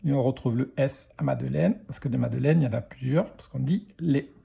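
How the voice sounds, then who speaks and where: A man teaching a children's reading lesson, slowly sounding out letters and syllables one by one. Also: mid-range voice, gravelly, mellow, slightly rough, highs cut off. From France. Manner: slow, spelling out sounds letter by letter.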